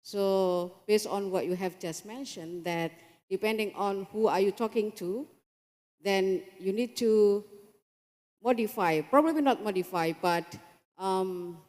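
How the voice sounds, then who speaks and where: A woman's voice: medium pitch, unhurried, a little mellow. Careful woman in a reverberant hall. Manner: deferential, careful in choosing words. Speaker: audience member commenting. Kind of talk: polite academic comment. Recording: echoey hall with long reverb.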